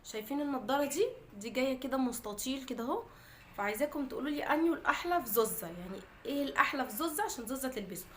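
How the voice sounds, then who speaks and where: A woman with an Egyptian Arabic accent chats to her viewers in a relaxed daily vlog. Her voice is bright and a touch high. She rattles along at a quick pace. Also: slight background noise. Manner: chatty, talks straight to viewers. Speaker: vlogger.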